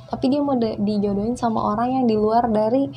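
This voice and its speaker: Lively young woman telling a tale. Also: fairly high pitch, fairly quick, highs cut off, slight background noise. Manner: lively, acts out quoted dialogue. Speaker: guest storyteller. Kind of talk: casual interview storytelling.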